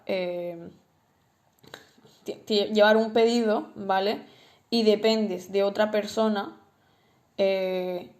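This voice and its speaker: A woman's voice: mid-range voice, darkish tone. Spanish woman explaining relationship advice. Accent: Spain. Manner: explanatory, gives examples, frequent fillers. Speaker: podcast host.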